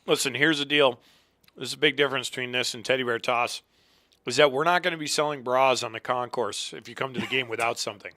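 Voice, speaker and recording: A man's voice: medium pitch, fast talker, pushed and bright. A man co-hosting a casual hockey chat, joking, laughing easily and bantering back. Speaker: co-host.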